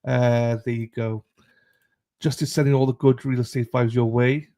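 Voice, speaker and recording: Male livestream host, matey and irreverent, dark relaxed tone, casual chatty delivery. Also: mid-range voice, normal speed. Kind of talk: casual chat with live stream viewers.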